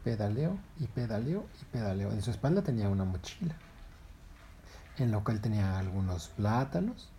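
A man's voice: lowish voice, sing-song, normal speed, dark tone, slight background noise. A man narrating a children's story in a playful, dramatic way.

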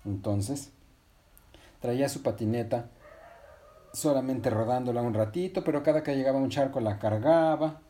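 A woman telling a children's story in an animated way, switching into voices for the characters. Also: a bass voice, normal speed, long pauses, a little hiss or hum.

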